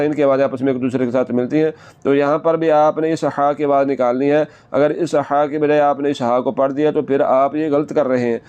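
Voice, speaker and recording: A man teaching Quran recitation, patiently repeating each word slowly many times and correcting common mistakes. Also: a little high, a little mellow, clean tone, dull audio. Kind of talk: tajweed lesson.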